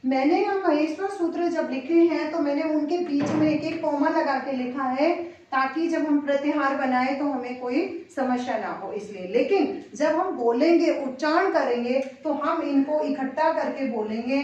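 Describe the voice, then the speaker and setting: A woman with a Hindi accent teaching Sanskrit grammar in a slow lesson, reciting syllables one by one with careful pronunciation. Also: high voice, darkish tone, slight background noise. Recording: echoey room, distant dull mic.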